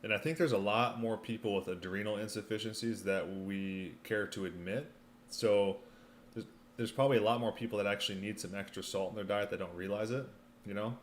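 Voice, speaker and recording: A low-pitched man hosts a casual livestream, talking in a loose, slangy way as he eats, sometimes with his mouth full. There is some background noise around his voice. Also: fairly even intonation, a little fast. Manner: talks while eating, mouth sometimes full; laid-back slangy delivery, often saying "man" and "you know". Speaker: livestream host answering viewer questions.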